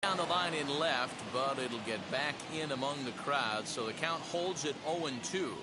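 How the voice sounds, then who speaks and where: A man calling baseball play-by-play in a brisk, scripted video game commentary style. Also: mid-range voice, noisy background. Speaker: play-by-play announcer.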